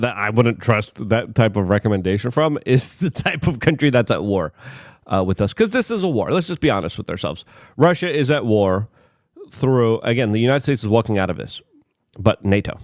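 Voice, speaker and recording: A man from Poland giving opinionated political commentary, hesitant and full of filler words, with sudden emphatic jumps in pitch. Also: big pitch swings, moderate pace, darkish tone, no echo, clean studio sound.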